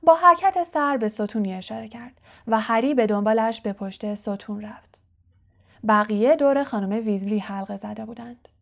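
A woman reading a novel aloud as an audiobook narrator, steady and clear. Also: on the high side. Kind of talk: scripted narration.

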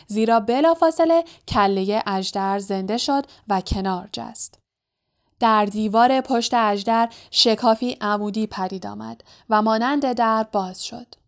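A woman narrating a children's fantasy novel in a steady, even storytelling voice. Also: fairly high pitch. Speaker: audiobook narrator.

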